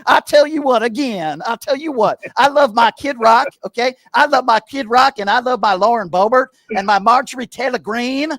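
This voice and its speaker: A man's voice: extremely high pitch, moderate pace, hardly any pauses, a bit bright, dry recording. A man doing a blustering conservative caller. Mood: boastful. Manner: repetitive, dismissive, combative. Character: blustering male conservative caller repeating "again". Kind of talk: comic impression on call-in radio.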